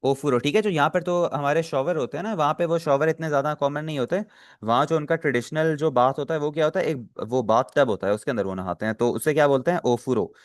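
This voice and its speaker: A man's voice: on the high side, fast, no room sound, studio quality. A man teaching an online language lesson, patiently explaining vocabulary, posing questions to his students and answering them himself, often repeating himself to check they follow. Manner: patient, repeats and checks understanding with filler phrases; asks the class questions then answers them.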